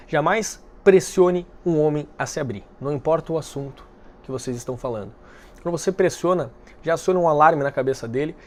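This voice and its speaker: A man hosting a dating-advice video, speaking calmly and directly to the viewer, explaining step by step. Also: on the high side. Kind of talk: direct-to-camera advice talk.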